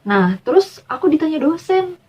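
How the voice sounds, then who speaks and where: A woman's voice: high-pitched, big pitch swings, normal speed, a little mellow, pitched above the performer's own voice. A woman voicing a nervous young female student who asks anxiously for advice. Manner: pleading, anxious questions.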